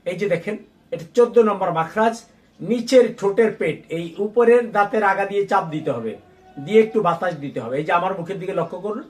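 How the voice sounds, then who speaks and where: A man teaching Quran recitation, spelling out each letter and vowel mark, then repeating the syllables in a slow, sung drawl. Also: high voice, animated, distant mic, faint music behind. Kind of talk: slow drilled letter-by-letter lesson.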